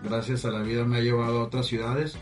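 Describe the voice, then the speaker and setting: A relaxed man talks casually as a podcast guest, often saying "así es". He sits some distance from the mic, and faint music runs behind him. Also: mid-range voice, fast. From Mexico. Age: 20s. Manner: relaxed, chatty, frequent "así es". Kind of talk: casual conversation.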